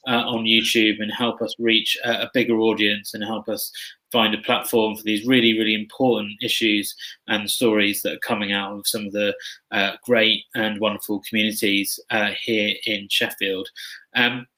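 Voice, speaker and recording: A man's voice: lowish voice, flat delivery, normal speed, bright, forceful tone, rough recording. A man hosting and moderating a live-streamed panel, polite and hesitant, with many fillers and repeats. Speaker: event host and moderator.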